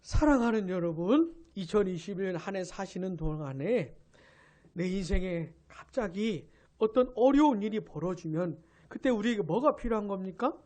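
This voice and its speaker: A woman pastor preaching a New Year's Eve sermon. She tells the story with animation, asks the congregation questions and answers them, and drops to a hush for emphasis. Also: medium pitch, lively intonation, moderate pace. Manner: drops to a hush for emphasis, then rises again.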